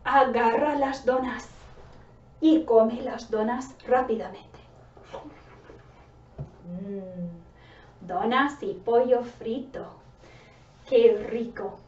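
A woman teacher giving slow, deliberate spoken commands in a vocabulary lesson, theatrical at times with gasps and whispers. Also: on the high side, a little mellow. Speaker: language teacher. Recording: roomy, distant, dull sound.

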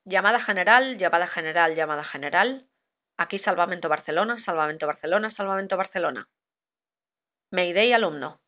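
Woman, marine radio call procedure, formal repeated call signs, somewhat low pitch, muffled lo-fi recording. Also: a little fast, no room sound. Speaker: maritime radio instructor. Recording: dull lo-fi recording.

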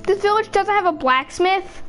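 A young female host chatting excitedly and bossily while playing a game. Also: very high-pitched, rough recording. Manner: excitable, bossy, quick bursts. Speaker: channel host. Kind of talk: casual gaming chat. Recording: faint music behind the voice. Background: faint game music.

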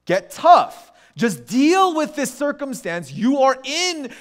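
A man preaching a sermon in a conversational, animated way, with quick restarts and acted asides. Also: very high voice. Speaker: pastor.

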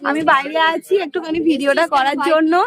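A woman's voice: high-pitched, steady tone, a little fast. A middle-aged woman, giving a chatty, casual vlog commentary into a phone held at arm's length, first beside a bus and then on it. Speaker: vlogger. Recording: loud crowd chatter behind.

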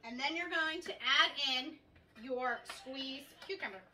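A woman in her thirties hosts a casual home cooking show, chatty and upbeat as she walks through each step in her kitchen. Her high voice is bright and forceful at a measured pace, with a little hiss or hum. A camera across the counter picks her up from a distance in an echoey kitchen.

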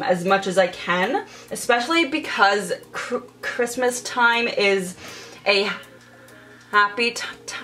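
Doing her makeup indoors in her bedroom, a young adult woman vlogger keeps up a casual get-ready-with-me chat. Her voice is mid-range and fairly bright, and she stutters, repeating sounds and getting stuck on blocks.

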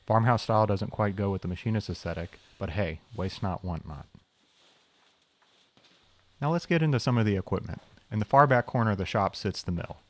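In a brisk, fairly low voice, a young machinist and channel host narrates a scripted walkthrough of his shop. He explains each machine with a dry, wry sense of humor and plenty of self-deprecating asides.

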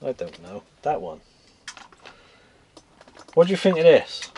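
A man's voice: on the high side, sing-song, measured pace, darkish tone, husky. A man hosting a toy unboxing at a table indoors, bossy and teasing as he chats. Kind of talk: casual unboxing chat. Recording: noisy home camera recording.

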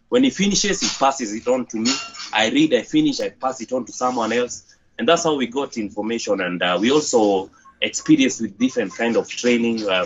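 A young Kenyan man with a Kenyan accent, talking haltingly in a casual interview over a headset on a video call. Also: mid-range voice, slightly rough. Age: young adult. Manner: halting, with many fillers and restarts. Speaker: interview guest, gym owner. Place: outdoors by a corrugated metal wall. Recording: dull lo-fi video-call audio with faint noise.

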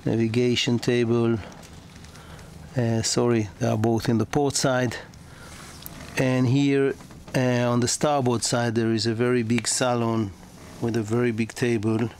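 Narrating as he films, a yacht broker walks through a sailboat moored at a marina, outside and below deck, speaking slowly and haltingly with frequent fillers, pauses and restarted sentences. His mid-range voice is level and a little mellow, and the outdoor camera recording is noisy.

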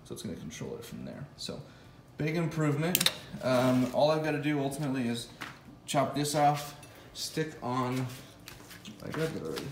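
Recorded close on a phone camera in a home garage, a vlogger building an electric motorcycle talks casually through its wiring, working things out aloud with fillers and restarts. His medium-pitched voice is very animated at normal speed, and the sound is reverberant with background noise.

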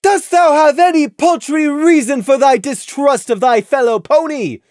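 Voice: sits high, normal speed, a little mellow, no room sound, clean studio sound, voice pushed up, natural voice. Luna, a reader voicing a stern archaic pony princess. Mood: demanding. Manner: archaic formal speech, commanding. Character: stern regal pony princess, adult mare, imperious. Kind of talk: audiobook reading of fan fiction.

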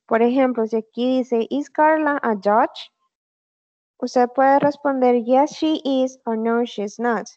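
A woman teaching an online English class, speaking slowly and carefully and repeating example phrases. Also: fairly high pitch, darkish tone, no room sound. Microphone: computer mic on a video call. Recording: slightly dull online class audio.

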